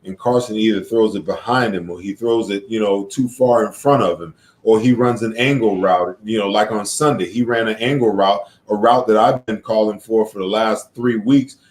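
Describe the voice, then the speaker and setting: A man's voice: lowish voice, moderate pace, hardly any pauses, reverberant. A man hosting a sports talk show, breaking down football plays in an emphatic way that builds to frustration. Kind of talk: casual sports analysis chat.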